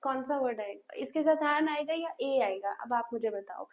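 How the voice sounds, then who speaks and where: A woman's voice: high voice, normal speed. A woman teaching an English grammar lesson, asking her class questions and repeating sounds patiently. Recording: dull lo-fi sound.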